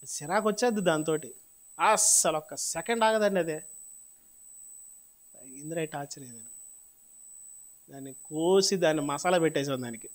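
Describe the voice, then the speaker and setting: Male pastor, Telugu accent, fairly high voice, dramatic sermon delivery, loud-to-soft swings. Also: moderate pace, long pauses. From South India. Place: church hall.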